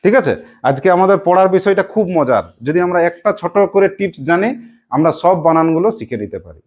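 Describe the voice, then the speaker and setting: Low-voiced woman teacher from Purulia. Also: expressive, fast talker, darkish tone. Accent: Purulia Bengali. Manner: call-and-response, prompting pupils to answer aloud. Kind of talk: classroom lesson.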